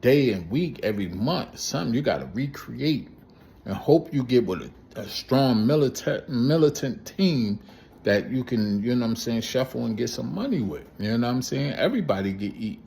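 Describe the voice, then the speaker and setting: A man with a New York accent, from Brooklyn, talking loosely to camera in a rambling street-talk vlog, filling every pause with "you know what I'm saying". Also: mid-range voice, animated, creaky, warm tone, slight background noise. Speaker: vlogger. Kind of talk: casual street-talk monologue.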